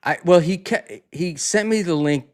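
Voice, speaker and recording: A man's voice: fairly high pitch, darkish tone. Rambling man hosting a casual chat. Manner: rambling, halting, many fillers and restarts. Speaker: podcast host.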